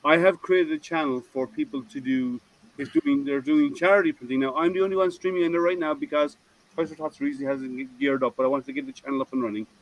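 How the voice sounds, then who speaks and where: A man's voice: on the high side, expressive, quick pace, dull audio. A male livestream host with a voice sitting a little above the usual male range. He chats casually and rambles, often stopping and restarting his sentences as he greets viewers. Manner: chatty, rambling with frequent restarts.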